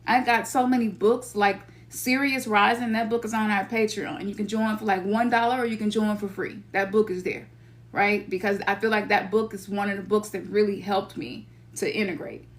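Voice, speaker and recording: In a mid-range voice with fairly even intonation and normal speed, this middle-aged Memphis woman talks casually to listeners as a spiritual teacher. Her Memphis Southern accent comes through as she stays loose and slangy, now and then voicing her own inner thoughts aloud, and she hails from Memphis, Tennessee.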